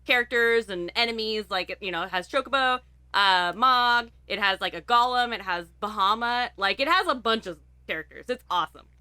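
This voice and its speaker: A young woman co-hosting a podcast, giggly and excitable, chatting casually and swearing now and then. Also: a little high, moderate pace, clean tone, no echo. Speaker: podcast co-host. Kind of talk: casual chat.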